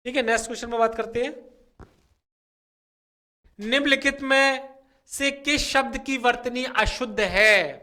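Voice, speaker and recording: A young male teacher with a high, bright voice talks at an unhurried pace, working through spelling questions for exam students. He stretches key words out slowly and keeps checking in with a quick "okay" before moving on. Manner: repeats words slowly and drawn out, fills with "theek hai". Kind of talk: explaining spelling questions from a whiteboard.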